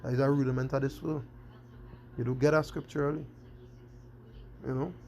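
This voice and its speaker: Gravelly preacher repeating "you understand?". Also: male voice, mid-range voice, little pitch movement, moderate pace, background noise. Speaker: street preacher. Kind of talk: scripture-quoting sermon.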